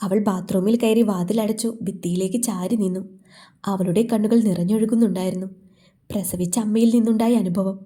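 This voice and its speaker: A woman storyteller reads a scripted romance with a gentle, unhurried delivery. Her voice is warm and mellow at a middle pitch. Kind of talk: scripted narration.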